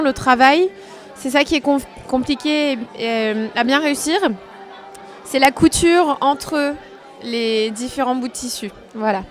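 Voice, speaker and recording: A woman from France, a dancer being interviewed, talking casually and hesitantly, with many fillers. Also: sits high.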